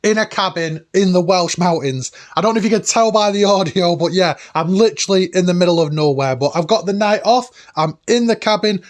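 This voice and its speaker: A man's voice: high voice, a little fast, few pauses. A man around forty hosting a retro gaming video with enthusiastic, nostalgic, informal commentary and emphatic delivery. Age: late 30s to early 40s. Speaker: host of a retro gaming countdown. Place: cabin, indoors.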